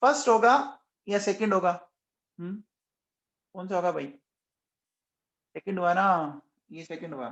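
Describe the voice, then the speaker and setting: A man with a high voice runs a live online chemistry class, speaking a little slowly with long pauses in a reverberant space. He keeps coaxing and quizzing the students, raising his voice for answers, and says he is shouting nonstop.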